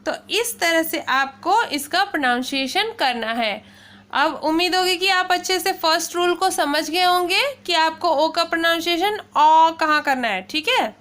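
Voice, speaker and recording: A very high, somewhat bright voice belongs to a woman giving children a pronunciation lesson. She spells each word letter by letter, explains things slowly and with care, and regularly checks understanding with "okay".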